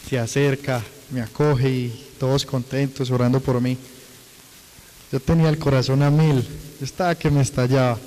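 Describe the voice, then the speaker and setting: A man's voice: medium pitch, darkish tone. Earnest man, hall reverb. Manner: earnest, repetitive storytelling with many "le dije". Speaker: guest giving a testimony. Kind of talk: personal church testimony.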